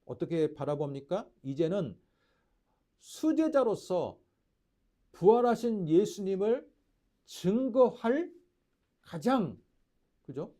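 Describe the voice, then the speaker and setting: A pastor preaches a sermon in a high-pitched, sing-song voice, speaking slowly with frequent pauses. He asks the congregation rhetorical questions and shifts between loud declarations and hushed lines.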